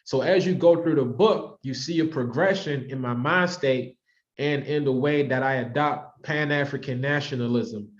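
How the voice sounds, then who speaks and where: The speaker, an American author in his thirties based in Washington, D.C., leads a virtual book club, addressing his online audience in a relaxed, reflective, conversational way. His pitch is medium and his speed normal. Audio is slightly dull, lo-fi video call quality.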